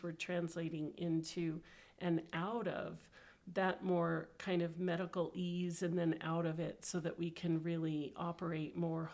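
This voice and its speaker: Reflective woman, low-pitched. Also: a little mellow. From United States. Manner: reflective, long winding sentences. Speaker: occupational therapist, co-host. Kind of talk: casual podcast discussion.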